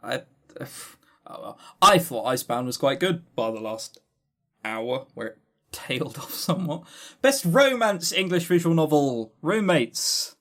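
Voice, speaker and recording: Unhurried yet animated, a man with a fairly high, slightly bright voice rambles through award lists as a podcast co-host. He drops casual swear words and leans on sarcastic, dry wit.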